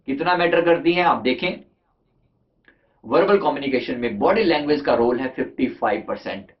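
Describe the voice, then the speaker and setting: A man's voice: mid-range voice, normal speed. A man, a life coach, giving a conversational motivational talk on communication, asking his listeners rhetorical questions and mixing in English terms. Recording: dull lo-fi recording.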